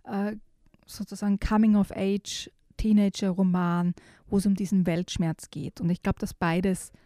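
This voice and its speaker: A woman's voice: medium pitch, level tone, unhurried, warm tone, no room sound, studio quality. A woman talking about youth novels on a radio show, thoughtful and conversational with some restarts. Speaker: book reviewer on a radio show. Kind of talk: conversational book discussion with read-aloud excerpt.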